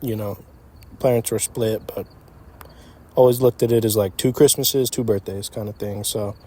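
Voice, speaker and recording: Crickets and night insects drone steadily around a young entrepreneur in an empty parking lot outdoors. In his early twenties, he speaks at normal speed in a voice on the low side, casual and reflective, feeling out his phrases in an unscripted talk.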